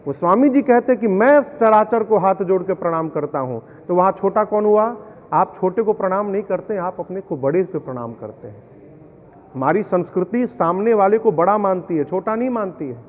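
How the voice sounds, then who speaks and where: A man giving a devotional discourse, explaining verses everyday examples and chanting lines slowly. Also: sits high, lively intonation. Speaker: religious storyteller. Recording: tinny, narrow-band audio in a long-reverb hall.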